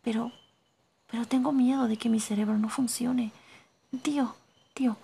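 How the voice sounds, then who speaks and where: A woman's voice: on the high side, fairly even intonation, normal speed, creaky, mellow, a little hiss or hum. Woman whispering as a stammering frightened young man. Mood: fearful. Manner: stammering, anxious questioning. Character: frightened weak young man, lost underground.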